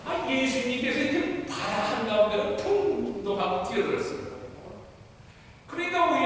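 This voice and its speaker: A man's voice: very high voice, a little hiss or hum. A man, a pastor, preaching a sermon and telling a story with acted-out voices. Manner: animated storytelling, acting out voices in the tale. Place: church sanctuary. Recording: echoey hall, picked up from far off.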